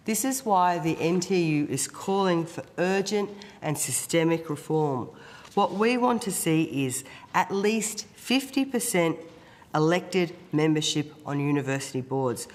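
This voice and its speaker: An union representative with a croaky, froggy, hoarse voice, reading a formal and emphatic opening statement. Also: medium pitch. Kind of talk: prepared opening statement to a parliamentary committee. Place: committee hearing room. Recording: echoey hearing room with long reverb.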